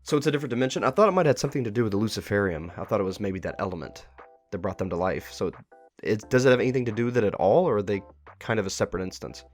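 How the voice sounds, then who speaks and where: With music playing behind him, a male host runs a casual interview about a web horror series. His voice is low-ish, animated, and rapid-fire, and he asks questions in an inquisitive, encouraging way.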